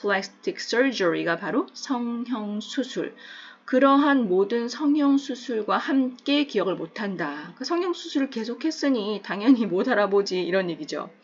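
A woman English teacher who narrates a lesson, explaining slowly and repeating phrases. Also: on the high side, expressive, muffled recording.

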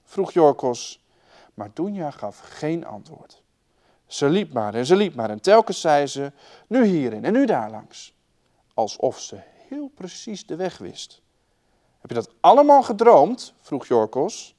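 A man with a Dutch accent reading a children's story aloud, raising and dropping his voice for the children's lines. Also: measured pace. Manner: lively, shifts loudness and pitch for the children's lines.

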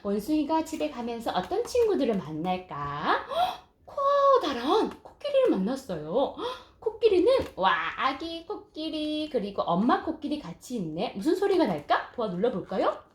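A woman's voice: sits high, wildly swooping pitch, normal speed, few pauses. A young woman, a mother, reading a picture book aloud to her infant in sing-song baby talk, with frequent coos and exclamations. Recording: echoey room, clear toy and background noise.

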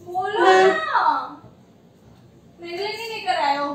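A woman's voice: very high voice, very animated, slow, recorded from a distance. A woman on camera in a prank vlog, crying and scolding her husband between bursts of laughter. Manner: tearful, scolding, half-laughing. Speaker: wife being pranked. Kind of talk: casual argument on camera. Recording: very echoey, off-mic, loud noise.

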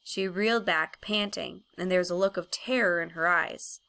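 A woman narrating a children's storybook in an expressive, measured reading voice. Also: on the low side, vocal fry. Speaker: audiobook reader.

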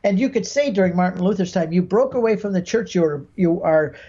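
Joining a podcast by video call from a bookshelf-filled room at home, a Michigan man in his sixties explains ideas with stories and examples, vividly performing quoted lines. He speaks briskly with lively intonation in a high, mellow voice that has a breathy edge, over lo-fi audio.

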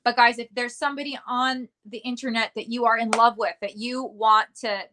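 A woman's voice: on the high side, flat delivery, fairly quick, background noise. A young adult woman hosting a casual live stream, bubbly and giggly as she chats with viewers and reads their comments. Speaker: livestream host, actress.

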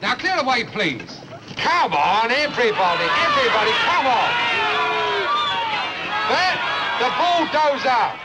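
A shouting demolition foreman. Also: very high voice, a little fast, hardly any pauses, big-room sound, recorded from a distance, over a noisy crowd. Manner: shouting orders. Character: loud bossy male demolition foreman. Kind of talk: 1950s film acting. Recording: noisy outdoor film soundtrack.

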